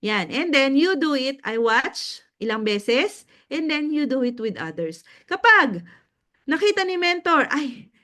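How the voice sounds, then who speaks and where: High-voiced Filipino woman mentoring a group. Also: measured pace. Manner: animated storyteller, laughs often, checks in with listeners. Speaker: business mentor.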